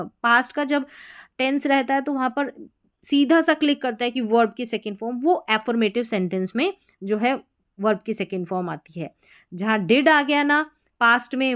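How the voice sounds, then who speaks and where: A woman teaching English grammar in a patient, explaining way, repeating key points and reading example sentences out slowly. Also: on the high side.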